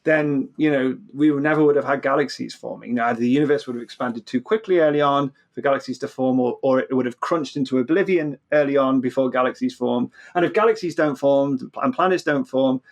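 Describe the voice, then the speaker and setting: With a mid-range voice, this male physicist talks fairly quickly and leaves few pauses. It's lively explanatory interview talk, marked by stammers and repeated phrase starts.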